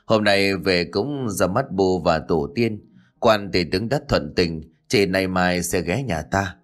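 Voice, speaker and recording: A man's voice: low-pitched, slow, faint music behind. A man voicing an ambitious young official who coaxes and insists. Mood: pleased.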